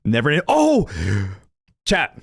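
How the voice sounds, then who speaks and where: A man's voice: mid-range voice, sing-song, moderate pace, a bit bright, no room sound, clean studio sound. A young man chatting casually and rambling to his viewers as a gaming streamer, laughing often at himself. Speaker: gaming streamer reacting to lore videos.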